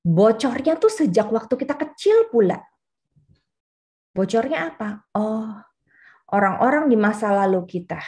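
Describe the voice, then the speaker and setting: A woman in her late forties, a pastor giving a chatty, personal youth fellowship sermon with frequent fillers. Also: mid-range voice. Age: 40s.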